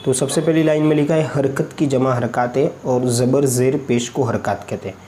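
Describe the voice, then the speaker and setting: A man with an Indian Hindustani accent teaches Quran reading step by step. He has a dark, mellow voice with a flat, level pitch. He drills the letters slowly and patiently, syllable by syllable. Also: slight background noise. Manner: frequent checking asides. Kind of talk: step-by-step recorded lesson.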